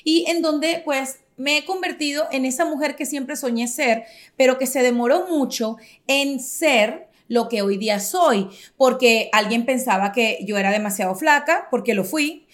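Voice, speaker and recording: A Venezuelan woman in her forties with a high voice hosts a casual podcast. She talks in an expressive, emphatic way and often turns to address her listeners. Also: a little slow. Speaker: podcast host.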